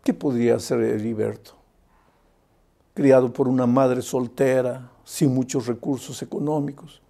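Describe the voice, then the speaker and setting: A man preaching an evangelistic sermon, who swings between loud emphatic appeals and hushed storytelling. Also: medium pitch, steady tone, unhurried, gravelly.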